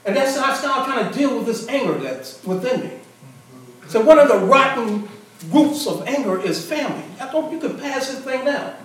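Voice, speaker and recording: Man preaching a sermon, fairly high voice, heavy echo, distant mic, conversational and repetitive. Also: animated, moderate pace, a bit bright, slight background noise. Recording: echoey hall, far mic, congregation.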